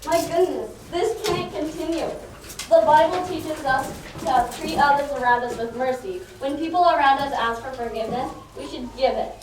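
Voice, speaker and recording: An earnest, sensible detective's sidekick acted by a woman in a comedy drama, explaining with care. The voice is very high, distant and washed in strong room echo. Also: normal speed, close to an everyday voice. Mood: dismayed. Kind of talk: theatrical comedy drama acting. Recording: very echoey room, distant mic, faint noise.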